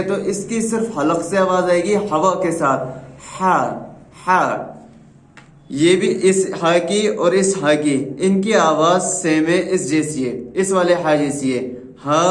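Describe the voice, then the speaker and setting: Male Arabic tutor with an Indian Hindustani accent, fairly high voice, patient letter drills, echoey room. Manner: explains patiently, repeats each letter sound slowly. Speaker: Arabic teacher. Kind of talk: slow spoken lesson with letter drills.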